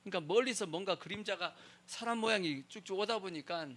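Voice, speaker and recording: Korean pastor guy preaching, asks stuff then answers it himself, voice a bit high for a man. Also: a little fast, fairly bright tone. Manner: asks the congregation questions and answers them himself. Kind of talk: sermon.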